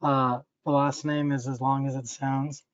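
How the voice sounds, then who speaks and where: A man's voice: medium pitch, level tone, unhurried, dry recording, dull audio. A man in his thirties from the United States, introducing himself as a panelist in an easygoing way. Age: 30s. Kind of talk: self-introduction.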